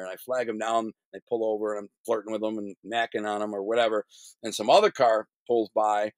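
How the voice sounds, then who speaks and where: A middle-aged guest tells his life story in casual street slang, animatedly acting out other people's lines, and his blunt swearing is censored. His voice is medium-pitched and the recording is dry.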